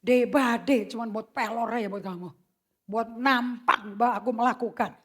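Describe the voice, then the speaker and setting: Woman preacher with a high voice, slangy and emphatic, goes from shouting to whispering, drops english phrases in. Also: normal speed, husky. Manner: swings from loud shouting to hushed whispers; mixes English phrases into her speech. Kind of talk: sermon.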